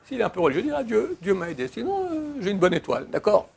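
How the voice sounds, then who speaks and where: Give me a man teaching a Torah lesson with a fairly high, lively voice. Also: fast, creaky, slightly rough. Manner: animated, emphatic, repeats key words. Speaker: rabbi. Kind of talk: Torah lesson answering a question.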